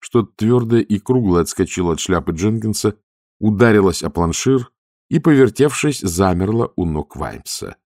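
A man narrating an audiobook in a measured storytelling manner. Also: fairly low pitch, lively intonation, darkish tone, no echo, clean studio sound. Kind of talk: scripted narration.

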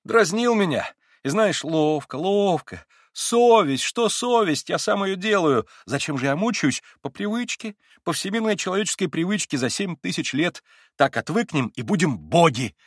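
A man voicing a feverish, tormented young man in an audiobook, husky and agitated, rising into anguished outbursts. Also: high voice, lively intonation, normal speed, dry recording, clean studio sound, voice pushed up. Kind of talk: audiobook character reading.

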